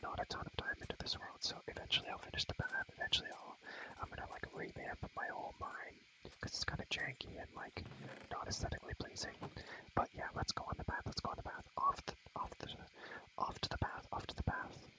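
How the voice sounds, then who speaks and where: For ASMR, a young man whispers breathily while showing off a game world, rambling casually in slang and softly repeating himself. His voice is very high, he talks fast, and the recording is low quality.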